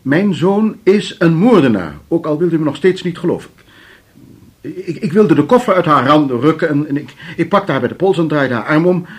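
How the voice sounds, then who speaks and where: A nervous, stammering older suspect. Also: male voice, on the high side, animated, normal speed, husky. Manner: hesitant, stammering, defensive. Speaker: suspect husband. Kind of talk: radio drama acting.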